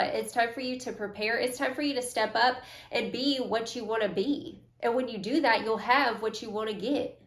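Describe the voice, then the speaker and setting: A woman's voice: a little high, roomy sound. A young woman giving a casual, slangy, affirming tarot reading to her viewers. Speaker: tarot reader.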